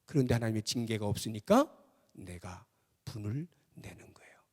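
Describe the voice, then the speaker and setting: A man's voice: lowish voice, very animated, normal speed, darkish tone. A man who is a pastor, delivering an impassioned, emphatic sermon in a church. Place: church sanctuary. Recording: long reverb of a church hall.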